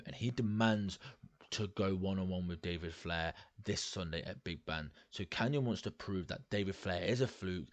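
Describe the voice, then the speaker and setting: Deep-voiced guy doing let's play commentary, rambly and sweary, dry close sound. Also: dry recording. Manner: rambling, casual, swears freely. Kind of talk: casual commentary on a wrestling management game.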